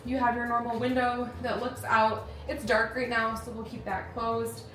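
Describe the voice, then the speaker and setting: A woman's voice: fairly high pitch, little pitch movement, moderate pace, fairly bright tone, roomy sound, a little hiss or hum. A woman hosting a travel vlog, chatting in an upbeat way and giving a descriptive room tour. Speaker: vlog host.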